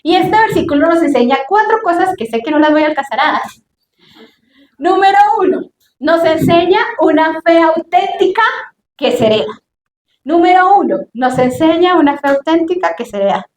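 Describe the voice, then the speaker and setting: Middle-aged woman preacher, high voice, emphatic sermon storytelling in a reverberant church. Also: lively intonation, normal speed, a little mellow.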